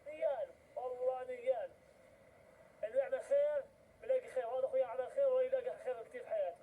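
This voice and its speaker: A man's voice: extremely high pitch, fairly even intonation, quick pace, dark tone, slight background noise, poor audio. A young male with a Gazan Palestinian accent, speaking earnestly and insistently, repeating himself in an emotional interview.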